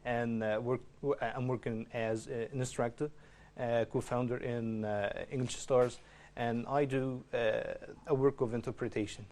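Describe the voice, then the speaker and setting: A young man from Egypt joins a studio panel discussion. His voice sits at a middling pitch, and his speech is halting. He leans on "uh" fillers between phrases. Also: fairly even intonation, darkish tone. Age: young adult. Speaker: studio guest. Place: television studio.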